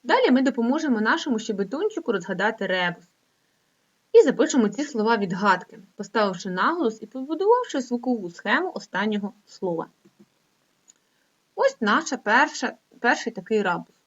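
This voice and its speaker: A middle-aged woman teaching an online lesson to young children, reading slowly and in a sing-song way. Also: very animated. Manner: slow, sing-song reading with rising pitch. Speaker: primary school teacher. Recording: dull lo-fi recording.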